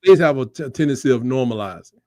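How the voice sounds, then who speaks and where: A man's voice: medium pitch, expressive, fast, darkish tone, dry recording, clean studio sound. A man co-hosting a casual sports debate, joking in a folksy, colloquial way. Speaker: sports show co-host.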